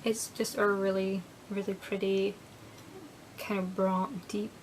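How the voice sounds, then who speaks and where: A woman's voice: mid-range voice, flat delivery, slow pace, a little hiss or hum, poor audio. A young woman chatting casually through a beauty product review, rambling a bit and dropping into whispered asides. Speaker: beauty vlogger.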